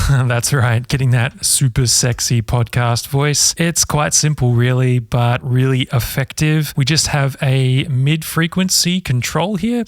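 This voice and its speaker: Man, casual production tutor, gravelly voice, dry close mic. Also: medium pitch, no room sound. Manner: relaxed, chatty, self-deprecating. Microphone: studio microphone.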